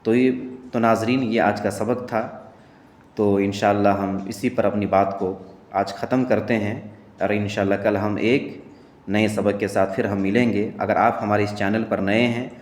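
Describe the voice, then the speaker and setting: A man's voice: fairly low pitch, steady tone. A man teaching a beginner Quran reading lesson, patiently stretching out each Arabic letter as he recites it. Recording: echoey room with long reverb.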